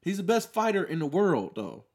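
A man's voice: sits high, big pitch swings, moderate pace, gravelly, a little mellow. A man co-hosting a casual podcast, talking in slang and arguing his points by repeating them. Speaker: podcast co-host.

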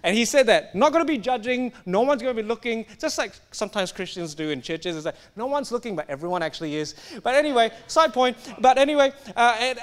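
A young man from Singapore preaching a sermon, animated and emphatic, sometimes stumbling over his words and restarting. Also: extremely high pitch, clear, resonant tone.

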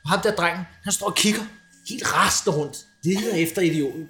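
A man hosting a podcast, telling a crude, animated anecdote in casual comic style. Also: high voice, echoey room. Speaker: podcast host. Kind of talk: casual comedic storytelling.

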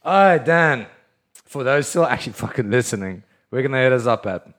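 A man's voice: mid-range voice, expressive, fairly quick, a bit bright. Rambling, swearing male podcast co-host. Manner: rambling, restarts often, swears freely. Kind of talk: casual chat over beers.

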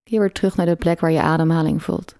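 Casting: woman, meditation guide, low gravelly voice, dry close sound. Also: fairly even intonation, dark tone, no room sound. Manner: slow, soothing, pausing between phrases.

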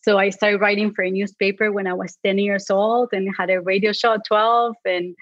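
A woman's voice: mid-range voice, little pitch movement, moderate pace, no echo, highs cut off. A woman in her thirties from Argentina, whose first language is Spanish, chatting casually as an interview guest with many fillers and light laughs. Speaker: clinical psychologist guest.

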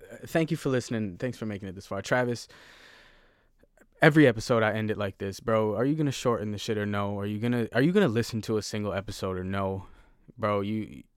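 A man hosts his own podcast alone, wandering from story to story with lots of swearing and jokes at his own expense. His voice sits low. The sound is dry and close, with no room around it. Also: quick pace, clean tone, no room sound. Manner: rambling, profane, self-deprecating. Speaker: podcast host. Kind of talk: solo casual podcast monologue. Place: at home.

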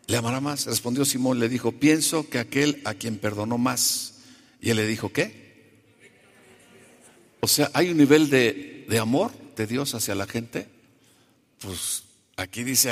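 A male preacher giving a sermon, conversational and animated, who keeps asking the congregation questions. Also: medium pitch. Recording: long reverb of a large hall.

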